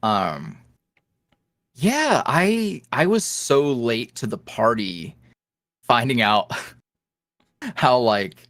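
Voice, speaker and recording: In a laid-back interview, a male ASMR roleplay creator talks in a loose, animated way, breaking off mid-thought, restarting, and laughing in between. His mid-range voice moves very slowly, with long pauses. There's no echo, and the audio is clean studio quality.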